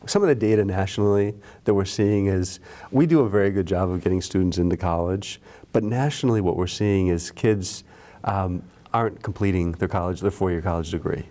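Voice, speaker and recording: Deep-voiced and warm, this school administrator guest speaks a little fast. In casual conversation he discusses the local school system's programs earnestly, frequently starting his sentences over.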